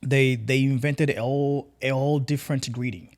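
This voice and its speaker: A man's voice: mid-range voice, steady tone, normal speed. Earnest young man from Tanzania. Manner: earnest, repeats words while searching for phrasing. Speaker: podcast guest. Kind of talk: casual podcast conversation.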